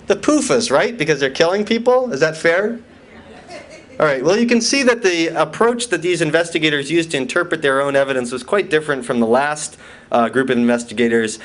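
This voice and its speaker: A man lectures to a hall from his slides, his voice sitting a little high. He talks in a loose, conversational way, full of fillers and restarts, and breaks off to put questions to the audience. His humor is dry and wry. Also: lively intonation, a little fast, a bit bright. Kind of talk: conference talk with slides.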